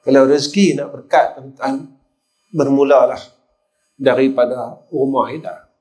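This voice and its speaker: A man's voice: mid-range voice, fairly even intonation, moderate pace, darkish tone. An older man with a Kedah Malay accent, preaching a sermon and telling stories to the congregation, often turning to address the listeners directly. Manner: storytelling, repeatedly addressing the audience as sirs.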